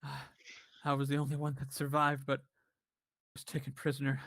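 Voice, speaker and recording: A man voicing a weak, emaciated male wizard held prisoner, speaking in a raspy, halting voice. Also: mid-range voice, completely flat delivery, a bit bright, dry recording, natural voice. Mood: weary. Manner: halting, broken-up speech.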